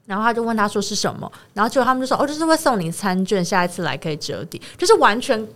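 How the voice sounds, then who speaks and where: Taiwanese woman, podcast co-host, rapid rambling storyteller, mid-pitched. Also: animated, a bit bright. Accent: Taiwanese Mandarin. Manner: rambling retelling of a friend's story, many fillers. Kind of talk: casual chat, storytelling.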